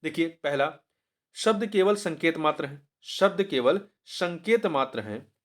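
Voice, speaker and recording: Man slowly repeating answers as a teacher. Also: on the high side, animated. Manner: explains each answer, then repeats key words slowly; pauses to correct himself mid-word. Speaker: exam prep teacher. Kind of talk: walking through a Hindi test paper.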